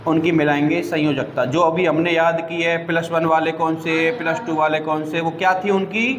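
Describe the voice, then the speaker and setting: A man's voice: on the high side, flat delivery, normal speed, a bit bright, slight background noise. A male teacher, quizzing students with repeated questions as he explains a chemistry lesson. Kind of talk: classroom teaching in Hindi. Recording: echoey room with long reverb.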